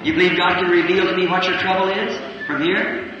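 A man preaching at a healing revival, slowly and emphatically questioning people in the audience. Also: sits high, steady tone, noisy background. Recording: old echoey hall recording, muffled, from far off, music behind.

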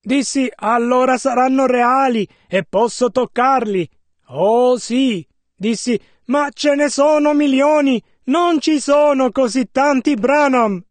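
A male interpreter carries a preacher's sermon over phrase by phrase with measured care. His voice is very high for a man, he speaks slowly, and the sound is close and dry. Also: no room sound. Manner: measured, careful phrase-by-phrase rendering.

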